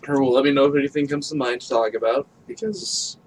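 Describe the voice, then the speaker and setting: A man's voice: medium pitch, steady tone, quick pace, a little hiss or hum, rough recording. Teasing, sarcastic male friend. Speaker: co-host friend. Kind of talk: casual chat.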